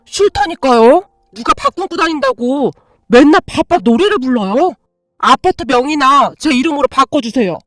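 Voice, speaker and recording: A woman's voice: sits high, animated, moderate pace, no room sound, studio quality. Woman voicing a resentful, bitter grown son. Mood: demanding. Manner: whiny, confrontational. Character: resentful adult son demanding property.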